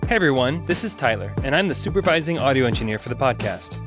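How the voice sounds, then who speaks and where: A man's voice: mid-range voice, very animated, quick pace, music in the background. A man who works as an audio engineer, reading a short, upbeat self-introduction.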